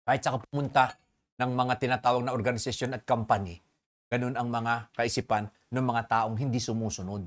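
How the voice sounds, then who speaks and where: A preacher giving a sermon, who keeps asking the congregation questions, mixes English phrases into the talk and reads scripture slowly and with emphasis. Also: medium pitch, fairly even intonation. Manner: asks the congregation rhetorical questions.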